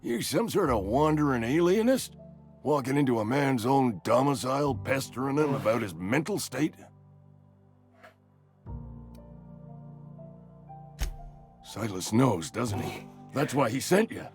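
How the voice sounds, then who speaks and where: A man's voice: mid-range voice, expressive, normal speed, darkish tone, soft background music, natural voice. An actor playing a fretful, ailing old man in a video game, theatrically doleful and sure he is dying, with old-fashioned turns of phrase. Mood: doleful, self-pitying. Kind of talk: video game character dialogue.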